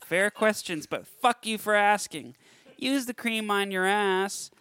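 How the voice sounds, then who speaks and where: In a smooth voice, a man plays a brash, psychopathic minstrel of forty who hawks his homemade cream with a loud, slow hard-sell.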